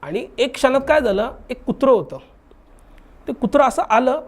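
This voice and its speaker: At a moderate pace and with an extremely high-pitched voice, a young man tells a true ghost story as a guest in casual chat. Animated throughout, he acts out the dialogue of the haunting in his retelling.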